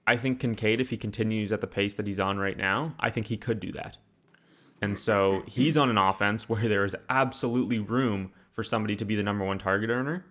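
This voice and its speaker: A man's voice: fairly low pitch, fairly even intonation, a little fast, fairly bright tone. A young man hosting a casual podcast, talking in an emphatic, opinionated way. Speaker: podcast host. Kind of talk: casual chat.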